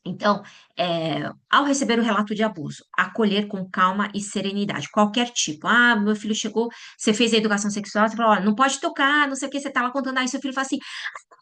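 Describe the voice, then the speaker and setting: A woman giving a lecture to parents, animated and often checking in with her listeners. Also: mid-range voice, fast talker. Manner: acts out quoted voices. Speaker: lecturer at a church parents' talk.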